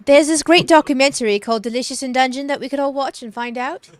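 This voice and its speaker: A woman's voice: sits high, fast talker, no echo. A woman playing a tabletop game, teasing and joking with the others. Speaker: player. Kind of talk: tabletop role-play banter.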